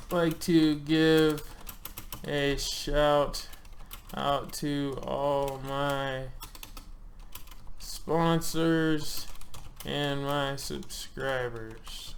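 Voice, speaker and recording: A man in his thirties who hosts a hobby channel talks viewers through an online form during a casual screen-share. His voice is medium-pitched and fairly bright, and his delivery is loose and chatty, full of ums and uhs with the occasional joke.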